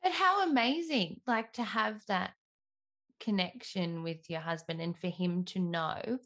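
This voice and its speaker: A woman's voice: mid-range voice, measured pace, fairly bright tone. A woman hosting a casual chat, affirming her guest and echoing back what she said. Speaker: podcast host.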